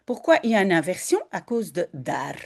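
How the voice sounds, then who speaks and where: A woman's voice: lowish voice, sing-song, brisk. A woman teacher, reading a short story aloud and patiently translating and explaining it phrase by phrase. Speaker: Dutch language teacher.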